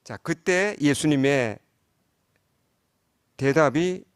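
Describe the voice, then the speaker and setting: Korean pastor guy preaching, chatty, lots of questions to the room, kinda high voice, dry sound. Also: expressive, extremely slow, clean tone, no room sound. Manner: conversational preaching with frequent rhetorical questions to the congregation. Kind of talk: sermon.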